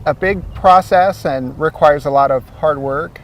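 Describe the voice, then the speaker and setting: This fairly high-pitched man talks a bit slowly in an explanatory interview, where he's a guest who works as a source water protection coordinator in Ohio. He describes his city's water system in a relaxed manner with occasional fillers. The setting is outdoors by a lake, and the mic is distant, picking up slight background noise.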